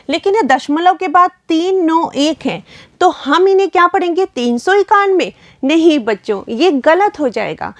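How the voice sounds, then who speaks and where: Slow, high-voiced woman teaching children. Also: dry recording. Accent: Rajasthani Hindi. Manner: patient, addresses children repeatedly. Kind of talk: primary school math lesson.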